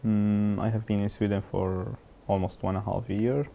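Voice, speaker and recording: A man, talking haltingly in a documentary interview. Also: fairly low pitch, level tone, vocal fry, dark tone. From Syria. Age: 20s. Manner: halting, searching for words with many fillers.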